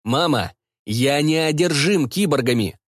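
A man's voice: a little high, animated, measured pace, dry recording, clean studio sound, pitched above the performer's own voice. Man doing a flustered detective son. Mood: defensive. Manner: defensive, mumbling. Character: flustered young male detective, evasive son.

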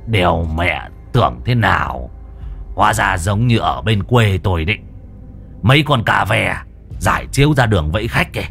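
A man's voice: sits low, expressive, moderate pace, gravelly, fairly bright tone, faint music behind, heavily acted. A man voicing a crude, hot-tempered male exorcist who boasts and curses. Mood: mocking. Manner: foul-mouthed, boastful.

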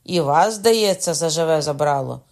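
A man reading an audiobook, voicing a cool, sly nobleman who speaks calmly. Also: on the high side, moderate pace. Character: cool, scheming male nobleman assassin.

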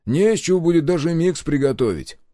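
A man's voice: on the high side, animated, a little fast, dark tone, no room sound, clean studio sound, pitched above the performer's own voice, close to an everyday voice. A man voicing a surly, foul-mouthed hunter who answers questions with questions. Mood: sullen. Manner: gruff, sullen, swearing.

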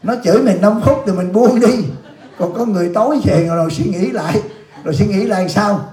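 A man's voice: high voice, fairly quick, darkish tone. A man, a Buddhist monk, giving a blunt, scolding dharma talk and answering questions from the audience, teasing them with laughs. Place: youth center hall. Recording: echoey hall.

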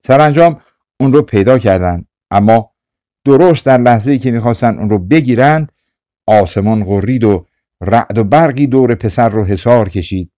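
A man reading a folktale aloud for an audiobook in a calm, measured storytelling manner. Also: on the low side, dry recording, studio quality. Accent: Persian. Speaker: audiobook narrator. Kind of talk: scripted storytelling narration.

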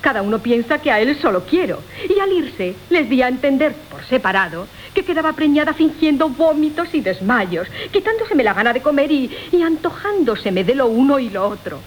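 In a hissy 1980 recording of classic Spanish comic radio theatre, a woman with a high voice and Castilian accent portrays a wily, coquettish mother who cons her many lovers for money. She speaks at a normal pace with few pauses and a sing-song lilt, sounding sly and scheming as she wheedles theatrically. The audio quality is poor.

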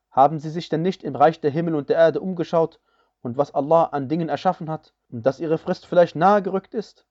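A man reading a scripture translation aloud in a measured, solemn way, each phrase evenly paced. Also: fairly high pitch, mellow, lo-fi sound.

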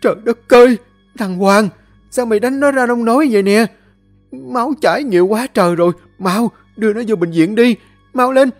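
A man voicing an alarmed middle-aged woman neighbor who scolds in shrill shouts. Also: normal speed, faint music behind.

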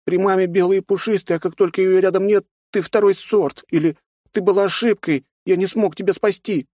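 A hurt teenage girl with a high, tearful, pleading voice, as a male audiobook narrator puts her on. She is read from a storybook in a dry, close recording with no room sound. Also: fairly even intonation, brisk, darkish tone, no echo. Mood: upset.

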